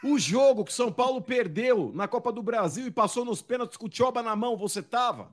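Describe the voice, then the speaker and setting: A man's voice: very high-pitched, animated, fairly quick. A man hosting a casual panel show, mocking and pressing a guest with questions. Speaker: host.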